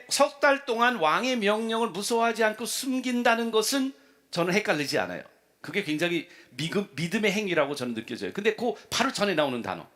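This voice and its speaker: A man in his fifties or sixties, a Korean-raised pastor, preaching a revival sermon with lively personal stories and slipping into English for quoted lines. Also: on the high side. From South Korea. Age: 50s or 60s. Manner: animated storyteller acting out dialogue, mixing in English.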